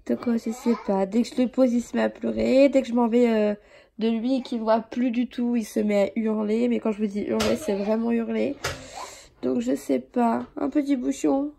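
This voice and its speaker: Gravelly sniffly young mum vlogging. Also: female voice, fairly even intonation, moderate pace, a little hiss or hum. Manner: rambling, chatty, often drops to a soft low voice. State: sniffling with a cold. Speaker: vlogger, mother of two young boys. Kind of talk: casual chatty home vlog.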